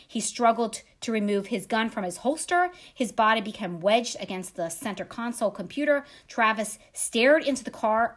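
A woman podcast host retelling a true crime story with wry side comments. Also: on the high side. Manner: dramatic retelling with wry asides.

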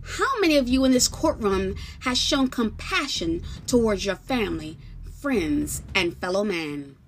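A woman's voice: mid-range voice, lively intonation, measured pace, a little hiss or hum. A woman voicing a solemn male judge on a throne, who speaks in a raised, proclaiming voice.

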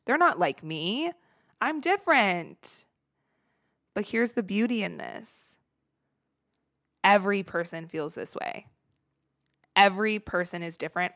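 A young woman hosts her own podcast, talking in a candid, confessional way with plenty of casual swearing and "like" fillers. Her voice sits a little low for a woman. The sound is dry and close, with almost no room around it. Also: dry recording. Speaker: podcast host. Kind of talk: candid solo podcast talk.

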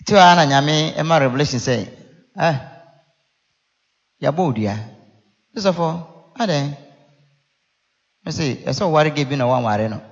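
A man's voice: a little high, lively intonation, a little slow, long pauses, dull audio. A Ghanaian man, a native Twi speaker, preaching in a conversational teaching style with rhetorical questions and repeated phrases. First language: Akan (Twi). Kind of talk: sermon teaching, mixing explanation with scripture and storytelling. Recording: echoey hall with long reverb.

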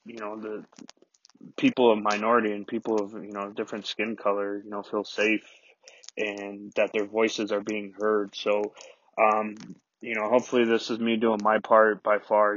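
A podcast host recording a halting solo apology inside a closet, full of "you know" fillers and restarts. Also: male voice, lowish voice, a bit bright, dull audio.

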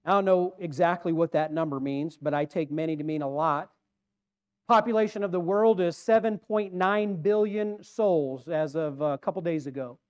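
Male pastor, sermon, high and smooth voice, earnest, shifts loud to soft. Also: normal speed. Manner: earnest preaching, swings from loud emphasis to quiet. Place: church.

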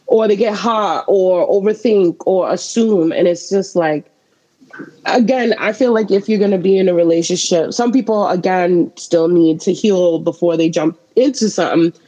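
Husky-voiced woman musing on relationships. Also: fairly low pitch, normal speed, warm tone, poor audio. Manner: reflective, speaks in loose run-on thoughts. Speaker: podcast co-host. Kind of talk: casual chat.

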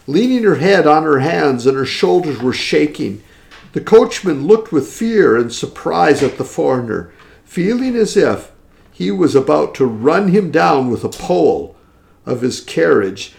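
Man, slow, gravelly, higher-pitched, reads text aloud, explains it, chuckles. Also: a little mellow. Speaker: teacher discussing a historical text. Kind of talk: reading aloud and commenting.

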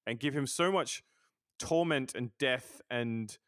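A man's voice: medium pitch, slow, fairly bright tone, dry recording, studio quality. A man hosting a casual podcast interview, often stammering and repeating words as he talks. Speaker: podcast host.

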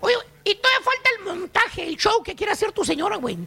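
Very high, creaky Chicano comic character. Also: male voice, big pitch swings, quick pace, bright, forceful tone, heavily acted. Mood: mocking. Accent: Chicano Mexican. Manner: mocking, exclamatory, streetwise. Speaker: comedy show host. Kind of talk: comic rant in slang.

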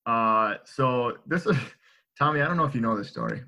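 Young adult man, bright tone, rambling animated storyteller. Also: medium pitch, moderate pace, vocal fry. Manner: animated, filler-heavy, checks in with "right?". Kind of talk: casual storytelling among friends.

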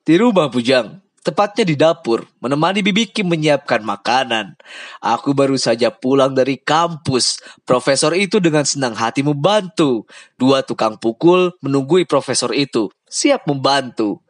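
A man voicing a friendly, easygoing loyal man who talks cheerfully and a little loudly. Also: medium pitch, lively intonation, moderate pace, no room sound, clean studio sound, voice pushed up, natural voice.

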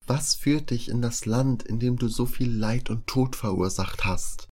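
A man voicing a kind, mystical young female traveler, calm and gently questioning. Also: fairly low pitch, moderate pace, pitched above the performer's own voice, close to an everyday voice. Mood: angry.

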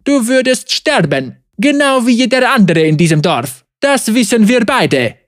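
A proud young sorceress, scornful and sure of herself, as a woman narrator puts her on. Her voice sits a little above the narration and slows on every barb. The sound is dry and close. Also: fairly high pitch, very animated, no echo, voice pushed up. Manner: scornful, assertive.

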